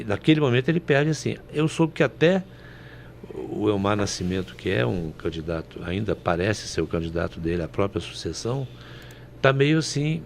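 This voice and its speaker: A man's voice: lowish voice, creaky, slight background noise. A man from Brazil commenting on politics on a panel show, folksy and anecdotal, often ending with "né?".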